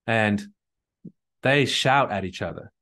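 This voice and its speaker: An English man coaching on a live call, explaining a point with quick restarts and acted-out quotes. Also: lowish voice, animated, sharp tone. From England.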